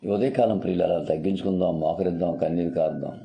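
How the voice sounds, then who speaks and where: A man's voice: low voice, fairly even intonation, fast talker, vocal fry, dark tone. A male pastor, preaching a devotional sermon with fervent rhetorical questions and repeated exhortations. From Andhra Pradesh, India.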